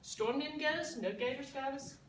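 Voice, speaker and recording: A woman telling a lively, laughing story as a party guest giving a toast. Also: high-pitched, moderate pace, slight background noise. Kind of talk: storytelling speech. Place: party room. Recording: echoey room, distant mic.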